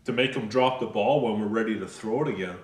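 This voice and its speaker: A man filming a family vlog at home, talking gently and coaxing his children and pets. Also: lowish voice, quick pace. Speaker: vlogger and father. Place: at home on a countryside property. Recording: roomy, noisy home recording.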